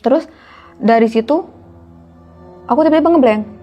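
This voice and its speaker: A woman's voice: a little high, normal speed, highs cut off, soft background music. A young woman, telling a horror story casually to a host, often addressing the host as "Kak". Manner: chatty, keeps addressing the listener as "Kak". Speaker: guest storyteller.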